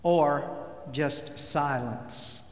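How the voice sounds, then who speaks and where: A man preaching a sermon as pastor, slow and deliberate, leaning hard on key words. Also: fairly high pitch. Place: church sanctuary. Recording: echoey hall with long reverb.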